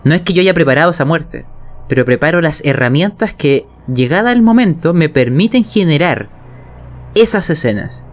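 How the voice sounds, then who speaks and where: His fairly high, expressive voice moving at a moderate pace, a man with a Chilean accent casually breaks down narration for tabletop role-playing from a game master's view, regularly checking in with his audience.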